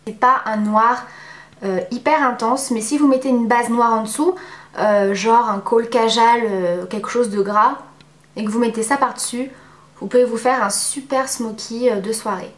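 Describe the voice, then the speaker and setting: A woman giving a casual, chatty makeup review at home, pausing often on fillers. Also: on the high side, steady tone, echoey room. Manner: chatty, many filler pauses. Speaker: beauty vlogger.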